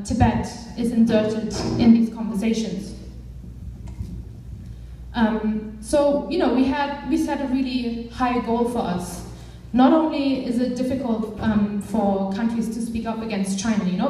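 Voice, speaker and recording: A young woman gives an earnest, conversational speech in a mellow, warm voice, pitched a little high. She is heard from well back in a large room with strong echo. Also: a little hiss or hum. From Germany. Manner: earnest and conversational, with many fillers. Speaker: campaigns director. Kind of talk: speech to a live audience. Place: large echoey hall. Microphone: far from the mic. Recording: echoey hall, voice from far off.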